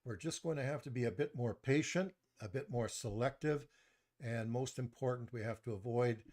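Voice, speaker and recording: A soft-spoken man with a mid-range voice presents a live stock market webinar into a desktop mic, reviewing the market and reading chat comments. He speaks in a measured way, pausing and restarting frequently.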